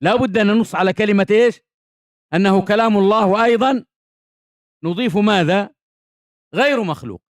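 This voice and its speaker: A man's voice: high-pitched, brisk, pauses often. A man giving a classical Arabic creed lesson at a conference, repeating key phrases and asking the audience rhetorical questions. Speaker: Islamic scholar teaching a creed text. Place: conference hall.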